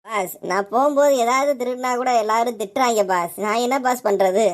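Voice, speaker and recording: A woman's voice: a little high, brisk, lightly acted. A woman voicing a whiny adult male petty thief who complains to his boss in a Tamil cartoon dub. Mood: whining. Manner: whining, complaining.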